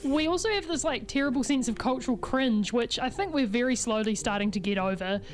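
A woman from New Zealand hosting a radio chat, friendly and quick to laugh as she prompts her guest with questions. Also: a little high. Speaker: radio host. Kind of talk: casual radio interview.

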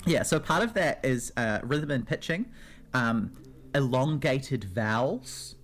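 A woman's voice: extremely low pitch, expressive, takes it slowly, faint music behind. A woman with a New Zealand accent, a regular guest on a radio segment about words, chatting casually with many fillers and restarts.

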